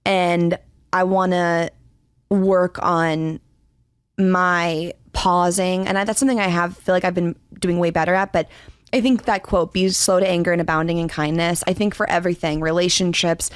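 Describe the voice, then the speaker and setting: A woman's voice: fairly low pitch, steady tone, normal speed, clear, resonant tone, no echo, studio quality. A woman in her twenties on a podcast, chatting with her best friend in a bubbly, gushing way and laughing often. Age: 20s. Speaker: podcast co-host, interviewee. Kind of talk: casual chat between friends.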